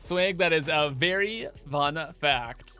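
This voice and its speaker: A man's voice: a little high, takes it slowly, pushed and bright, smooth, soft background music. A young man livestreaming over a headset mic, thinking aloud in a casual, chatty way while he builds in a game.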